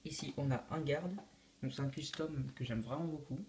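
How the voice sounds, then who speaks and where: Teen guy showing off his lego build, halting, lots of euh, bit of hiss. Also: medium pitch, darkish tone. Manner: hesitant, many fillers and restarts. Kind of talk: casual video walkthrough.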